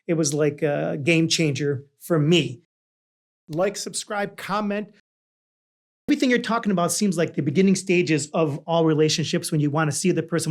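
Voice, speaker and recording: A man with a distinctly high-pitched voice hosts a relaxed interview chat. He talks in a rambling, conversational way, with a joking streak. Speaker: talk show host.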